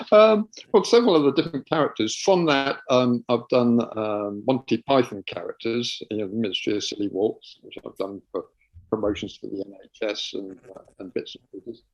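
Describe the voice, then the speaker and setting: A man, a guest, telling an anecdote in an animated way, laughing and repeating words as he goes, heard as a slightly dull, lo-fi recording. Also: on the low side, moderate pace, no echo. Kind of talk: anecdotal storytelling.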